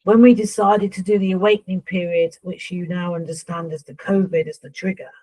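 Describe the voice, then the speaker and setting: A woman speaking as a seance medium in trance, voicing a solemn, instructive spirit guide who addresses humans, with a husky voice. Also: on the low side, fairly even intonation, a little fast, warm tone, lightly acted, rough recording.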